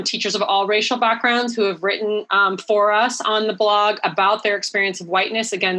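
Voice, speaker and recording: Bright-voiced woman presenter. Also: mid-range voice. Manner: conversational, with frequent fillers and "right?" tags. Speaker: podcast co-host presenting to educators. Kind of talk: live webinar presentation.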